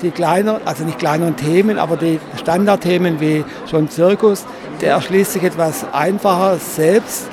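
A man giving an interview about his craft, explaining in deliberate, wordy, precise phrasing. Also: a little high, crowd noise. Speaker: exhibitor and designer of paper models. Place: stand at a busy book fair. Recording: clear background noise of a busy fair.

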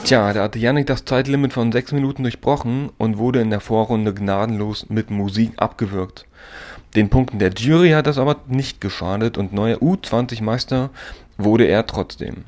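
A man's voice: fairly low pitch, normal speed, a little mellow, soft background music. A man hosting a radio show, announcing the next items in a scripted way. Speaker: radio host. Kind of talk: radio moderation.

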